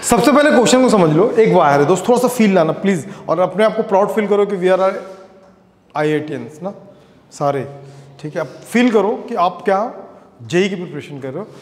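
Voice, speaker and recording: A man's voice: high-pitched, expressive, normal speed, darkish tone, reverberant, big-room sound. A man teaching a physics class, joking with and teasing his students as he explains a problem. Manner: joking, scolding students playfully. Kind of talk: classroom lecture with banter.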